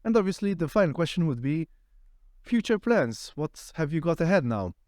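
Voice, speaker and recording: Higher-voiced man asking interview questions. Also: sing-song, normal speed, a little mellow, no room sound, clean studio sound. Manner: friendly, complimentary, hesitant phrasing. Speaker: podcast co-host, interviewer.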